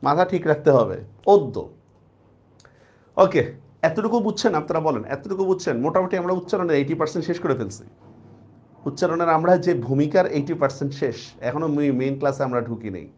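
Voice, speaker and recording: Lively male teacher. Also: on the high side, quick pace. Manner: lively, repeats points and checks understanding. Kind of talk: online class lecture.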